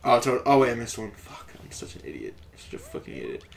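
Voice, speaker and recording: A man co-hosting a gaming let's play, chatting casually, excitable and swearing, breaking into yelps. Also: medium pitch, fast talker, vocal fry, slight background noise.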